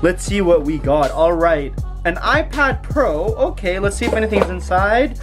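A young man in his twenties vlogging in a dramatic, excitable way, gasping and constantly calling out to his viewers. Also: high voice, moderate pace. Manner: dramatic, gasping, keeps saying "guys". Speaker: YouTuber. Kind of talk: excited vlog narration. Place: outdoors at night, then indoor room. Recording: loud background music.

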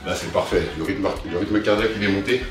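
In a living room, a young man leads a workout while doing it himself, calling out short, motivating cues. His voice is low-pitched and his pace is quick. Music is clearly audible behind him, captured by a distant mic in a very echoey space.

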